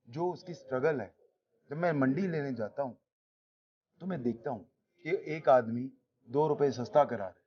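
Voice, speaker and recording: A man in his sixties, a retired police officer, speaking in a measured, reflective and encouraging way during a casual conversation. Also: on the high side, dull audio. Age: 60s.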